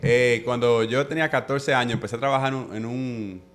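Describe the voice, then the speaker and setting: A man from the Republic, a podcast guest telling his life story in a relaxed way, with English words mixed in. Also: mid-range voice, a little fast, slight background noise. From Dominican Republic. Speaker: guest business owner.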